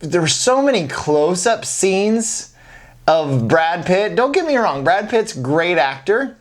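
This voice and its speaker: A man's voice: high-pitched, very animated, slow. A man co-hosting a casual film review chat, conversational and careful to frame things as his own opinion. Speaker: film review show co-host.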